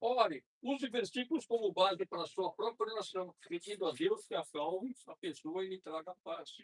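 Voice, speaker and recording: A middle-aged Brazilian man lecturing at a spiritist center in a conversational way, slowing down to read prayers aloud. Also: high-pitched, husky, poor audio. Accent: Brazilian Portuguese. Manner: conversational, frequent tag questions, slows to read prayers. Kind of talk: informal spiritist talk.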